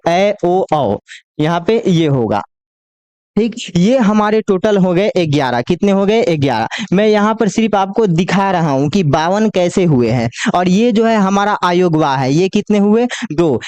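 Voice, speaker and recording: A man teaching Hindi grammar in a coaching class, who asks the class questions, answers them himself and draws the letters out slowly as he lists them. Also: high-pitched, darkish tone, clean tone, dry recording. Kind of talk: classroom lecture.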